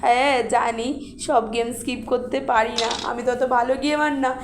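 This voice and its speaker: High, fast-talking woman gamer narrating her play in an echoey room, full of quick exclamations. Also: steady tone, noisy background. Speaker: gaming channel host. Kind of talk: casual gameplay commentary.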